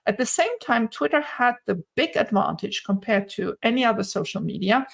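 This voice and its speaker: A middle-aged woman with a slightly high, animated, creaky voice speaks at a moderate pace in English, her third language. She is a retail investor commentator appearing as an interview guest on a video call from a room at home. She offers conversational opinion and analysis, often repeating words as she builds her point.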